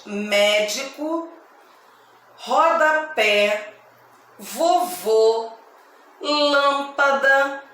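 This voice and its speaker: A woman teacher with a Brazilian accent giving a grammar lesson to children, speaking slowly and deliberately and repeating each word. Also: fairly high pitch, fairly bright tone, distant mic. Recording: echoey room, voice away from mic.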